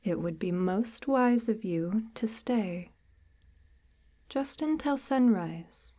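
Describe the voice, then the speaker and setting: Animated yet very unhurried, a woman with a medium-pitched voice portrays a sinister forest witch luring a lost traveler for an ASMR roleplay. The slow, intimate monologue is mellow, breathy and near-whispered, formal and archaic-tinged, softly menacing. Her mood is coaxing and eerily gentle.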